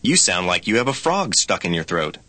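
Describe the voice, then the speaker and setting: A man reading scripted practice dialogues for a language lesson, with expressive, swooping line readings. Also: low-pitched, moderate pace, dry recording.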